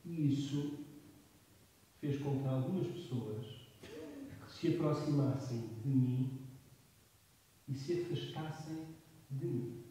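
A man's voice: mid-range voice, slow pace, long pauses, mellow. A man with a European Portuguese accent giving an academic lecture, emphatic and full of rhetorical tag questions. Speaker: guest lecturer. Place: lecture hall. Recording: echoey hall, distant mic.

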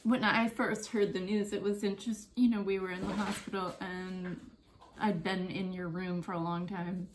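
Woman telling a story haltingly. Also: medium pitch, little pitch movement, slight background noise, low-quality recording. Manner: halting, emotional, stops to collect herself. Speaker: podcast host. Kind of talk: heartfelt personal storytelling.

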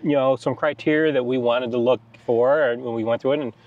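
A middle-aged American man speaks casually and conversationally, like a travel vlog host recounting an outdoor trip. He's in the open air beside a car; his voice is medium-pitched, fairly even and fairly quick, on a dry, slightly dull recording.

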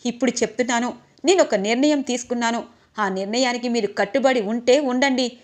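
An angry mother pressing for her son's due, emotional and insistent, read by a woman narrator. The voice sits fairly high. It stays close to the reader's own. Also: a little fast, close to an everyday voice. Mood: indignant.

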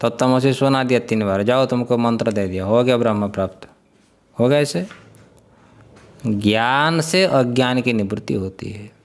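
A male spiritual teacher leads a scripture class at a middle pitch. He keeps asking his listeners questions, chuckles now and then, and slowly drills the pronunciation of syllables. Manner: questioning, quizzes the listeners often. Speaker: Vedanta teacher.

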